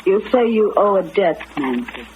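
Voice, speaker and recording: An actress in an old radio drama playing a composed, frank woman counseling a friend in a measured, firm way, on a muffled, noisy recording. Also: medium pitch, very animated, darkish tone. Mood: probing, earnest.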